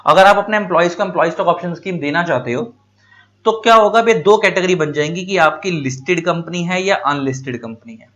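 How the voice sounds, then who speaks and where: A man's voice: sits high, fast talker, a bit bright. A male teacher giving a classroom lecture in Hindi. He asks questions and answers them himself, repeats key points, and calls his students "beta".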